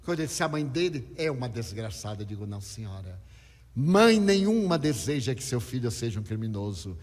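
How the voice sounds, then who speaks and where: Man telling a story in a reverberant hall. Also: brisk. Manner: acts out quoted voices, lively swings in pitch and loudness. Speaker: spiritist speaker. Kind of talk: storytelling lecture.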